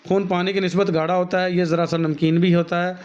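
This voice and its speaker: A male teacher with a Pakistani Urdu accent reads from a textbook, then stops to explain each point in his own words. His voice sits a little high. The recording sounds dull and lo-fi. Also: little pitch movement, quick pace. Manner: reads a passage, then explains it warmly to students, calling them "beta".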